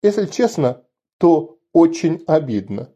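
Cheeky young woman, a bit pouty, higher voice, man doing it, muffled dark sound. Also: sing-song, a little slow, breathy edge, exaggerated voice. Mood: sulky. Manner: sulky, teasing. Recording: dull lo-fi recording.

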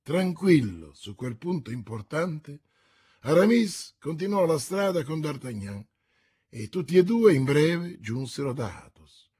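Man, audiobook narrator, slightly high voice, husky, deliberate. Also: darkish tone. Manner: measured, deliberate. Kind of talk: literary audiobook reading.

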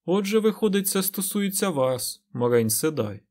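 A man's voice: high-pitched, very animated, normal speed, a little mellow, pitched above the performer's own voice. Audiobook figure: polite, pensive lord read by a man. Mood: courteous. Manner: courteous and thoughtful. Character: middle-aged male border lord, courteous and thoughtful.

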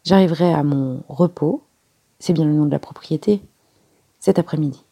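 A woman reading aloud and voicing an elderly male detective who is courteous, self-satisfied and measured in his speech. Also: a little high, vocal fry, slightly rough. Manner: polite, measured, softly spoken. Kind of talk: audiobook character reading.

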